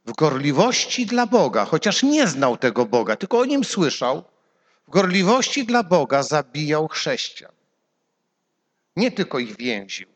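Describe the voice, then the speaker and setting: Animated high-voiced preacher in reverberant hall. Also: male voice, unhurried. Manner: animated preaching with sudden swings from loud to hushed. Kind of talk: sermon.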